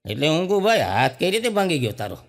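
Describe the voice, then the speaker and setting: High-voiced comedian spinning folksy yarns. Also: male voice, big pitch swings, fast, big-room sound. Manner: folksy storyteller who acts out each character in quoted dialogue. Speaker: stand-up comedian. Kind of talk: comic storytelling.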